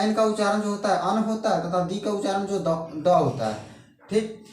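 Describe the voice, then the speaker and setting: A man teaching an English grammar lesson in Hindi, speaking slowly and repeating each point, asking questions and then answering them himself. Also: sits high, far from the mic. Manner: slow, repetitive, asks rhetorical questions and answers them. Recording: echoey room, voice off-mic with faint noise.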